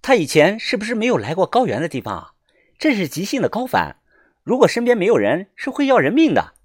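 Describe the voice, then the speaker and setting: A woman's voice: mid-range voice, wildly swooping pitch, a little fast, slightly rough, dry recording, clean studio sound, pitched above the performer's own voice. A storyteller voicing a young woman doctor in her twenties who speaks in an urgent, commanding way. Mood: instructive.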